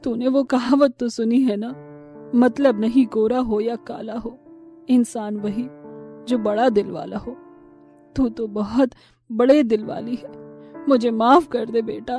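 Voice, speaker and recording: A woman's voice: steady tone, unhurried, warm tone, faint music behind. Woman voicing a nagging older mother-in-law. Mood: remorseful. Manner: shrill, nagging scolding. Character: spiteful older mother-in-law, harsh and scolding. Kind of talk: storybook voice acting.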